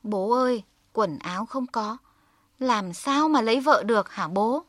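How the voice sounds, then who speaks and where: A woman's voice: a little high, measured pace, no echo, clean studio sound, lightly acted. Woman doing a timid, overworked young man. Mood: wistful. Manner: pleading, fearful. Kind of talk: storybook voice.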